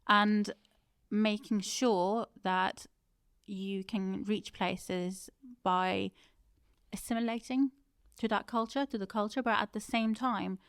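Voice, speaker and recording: A thirties-aged woman, Turkish-born and brought up in the UK, is a guest in a reflective interview, speaking thoughtfully and often correcting herself. Her mid-range voice moves slowly with fairly even intonation, and the tone is clean, echo-free and of studio quality.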